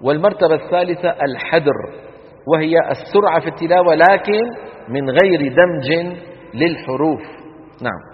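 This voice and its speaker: A fairly high-voiced man lectures on Quran recitation, putting questions to the class and answering them himself. His voice rings through a lecture hall with a long echo. The recording sounds dull and lo-fi. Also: moderate pace.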